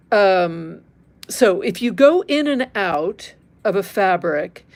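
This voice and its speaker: Chatting candidly with her livestream viewers, a middle-aged woman from Northern California teaches embroidery, thinking out loud as her hands work. Her voice sits on the low side and sounds creaky.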